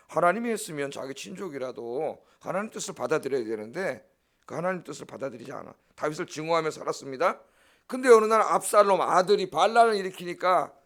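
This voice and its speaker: A middle-aged pastor preaches a dawn service sermon with emphatic bluntness, checking in with the congregation often and dropping scolding asides. His voice is high and fairly bright.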